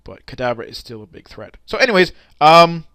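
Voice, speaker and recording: A man's voice: a little high, big pitch swings, a little fast, pushed and bright, dry recording. Young man rambling over a game replay. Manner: rambling, frustrated, swears often. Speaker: gaming commentator. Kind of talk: casual game commentary.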